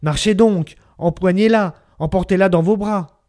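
A man's voice: high-pitched, moderate pace, pitched above the performer's own voice, lightly acted. A man doing a bossy, scheming old neighbor woman. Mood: urgent. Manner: hushed and urging.

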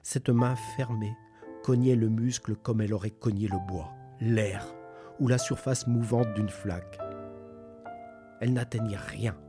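A man reading a novel aloud as a measured, deliberate narrator. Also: fairly low pitch. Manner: slow, measured storytelling. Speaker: reader.

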